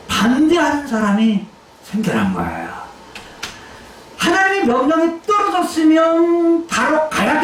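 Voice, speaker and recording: A woman pastor preaching a sermon, acting out quoted lines with sudden shouts and drops in her voice. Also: fairly high pitch, a little hiss or hum. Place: church sanctuary. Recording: echoey church hall mic heard from a distance.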